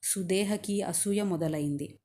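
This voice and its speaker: Calm woman telling a devotional story. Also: medium pitch, measured pace, a little hiss or hum.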